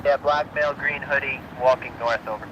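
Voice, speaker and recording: A man's voice: mid-range voice, fairly even intonation, brisk, highs cut off. Man on a staticky scanner radio. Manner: clipped, hesitant radio reports. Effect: scanner radio with static bursts. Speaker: railroad worker reporting over radio. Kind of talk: radio transmission. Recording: noisy radio transmission heard through a scanner outdoors.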